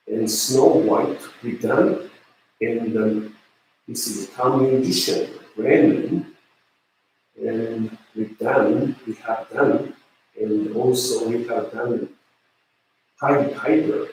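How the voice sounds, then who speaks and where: Slow, halting man with a Japanese accent. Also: medium pitch, steady tone, a little mellow, roomy sound, slight background noise, poor audio. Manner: hesitant, many fillers and restarts. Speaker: university lecturer. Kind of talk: online lecture.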